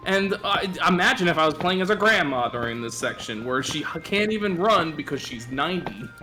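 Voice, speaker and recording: A man streaming a game, chatting casually with friends, animated and swearing often as he mimics characters. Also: on the high side, fairly quick, music in the background. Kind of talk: casual gaming chat.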